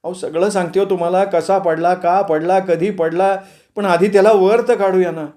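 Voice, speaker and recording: A man's voice: sits high, steady tone, moderate pace, warm tone, pitched above the performer's own voice, lightly acted. A man voicing an anxious, determined young wife, speaking in a pleading, urgent tone.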